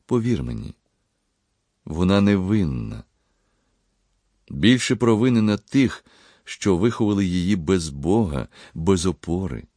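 A man voicing a quiet, sorrowful young pharmacist. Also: deep voice, sing-song, a little slow, long pauses, dry recording, studio quality, exaggerated voice. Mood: gentle. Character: young male pharmacist, gentle, pained, devout.

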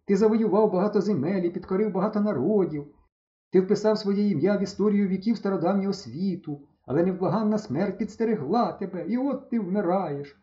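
A man's voice: high-pitched, fairly quick, dark tone, voice pushed up, natural voice. A man reading an audiobook, voicing a bossy, theatrical village boy who declaims pompously. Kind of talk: audiobook character voice. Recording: dull lo-fi recording.

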